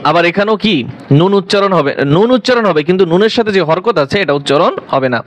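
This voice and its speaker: A man teaching Quran reading, spelling out each syllable and reciting in a drawn-out chant. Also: sits high, lively intonation.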